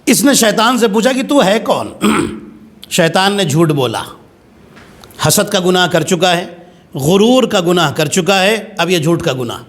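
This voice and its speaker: A man's voice: sits high, lively intonation, fairly bright tone. A man cleric delivering a religious sermon, telling a story dramatically with big swings in voice.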